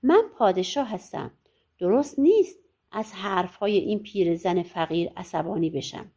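A woman voicing a proud, short-tempered old king in a storybook audiobook, speaking slowly and scornfully. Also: mid-range voice, expressive, mellow, voice pushed down. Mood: mocking.

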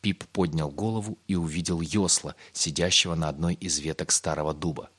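A man narrating a fairy tale in a measured, expressive storytelling manner. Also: extremely low pitch, breathy edge.

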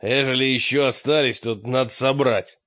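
A gruff warrior with a rough, mocking way of talking, as a male audiobook reader puts him on. He pitches up and gets loud when teasing. The recording is dry and a little dull. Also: fairly even intonation, normal speed, no room sound, natural voice. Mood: reviving. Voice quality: gruff, growling.

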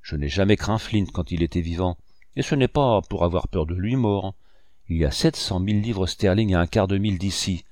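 A man voicing Long John Silver, a cunning pirate leader who speaks gruff and coaxing while forcing bravado. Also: low-pitched, moderate pace, a little mellow, no room sound, studio quality, close to an everyday voice. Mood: defiant. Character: cunning one-legged pirate leader, old sea cook.

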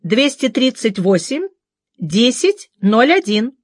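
A woman's voice: a little high, big pitch swings, slow, no room sound, studio quality, heavily acted. A woman voicing a suave gray-bearded neighbor. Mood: brisk, courteous. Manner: courteous, then commanding. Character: gruff polished middle-aged male neighbor. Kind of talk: audiobook character voice.

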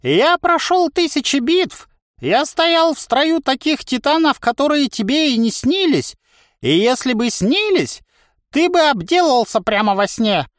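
A man voicing a grumpy old four-armed male spear trainer who talks in a gruff, scolding way. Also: very high-pitched, very animated, a little slow, a bit bright, no echo, studio quality, pitched above the performer's own voice, full character voice.

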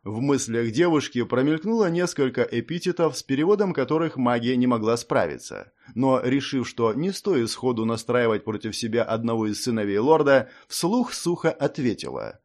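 A man's voice: medium pitch, animated, moderate pace, hardly any pauses, darkish tone. A man reading a fantasy audiobook aloud, storytelling expressively. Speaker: audiobook reader.

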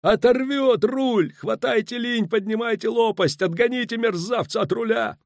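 A man voicing a panicking middle-aged ship's skipper who yells frantic orders. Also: extremely high pitch, normal speed, vocal fry, dry recording, studio quality, pitched above the performer's own voice.

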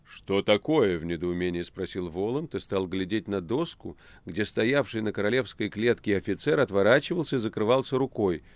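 A man narrating an audiobook in an expressive, lively storytelling manner. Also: fairly low pitch, fairly quick, hardly any pauses, dry recording. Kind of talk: scripted narration.

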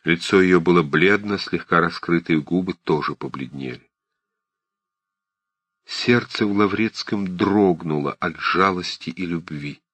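A man narrates a novel in a calm, measured way. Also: sits low, breathy edge, dry recording. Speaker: audiobook narrator.

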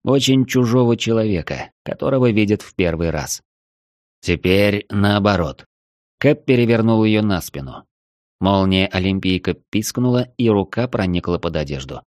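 A male narrator with a fairly low voice reads a novel in a measured, even way. The recording is close and dry, with no room sound. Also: no room sound. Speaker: audiobook reader. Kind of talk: audiobook narration.

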